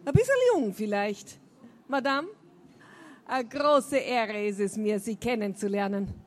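A woman's voice: mid-range voice, measured pace, close to an everyday voice. A woman reading aloud and voicing a giggly, fussing old village woman who speaks in broken, folksy phrases. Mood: scolding, flattering.

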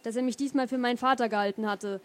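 Brief: slightly high-voiced woman, first-person novel reading, hesitant between passages. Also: fairly even intonation, quick pace. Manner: hesitant fillers when talking freely. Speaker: reader of a novel. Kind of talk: reading a novel aloud with comments.

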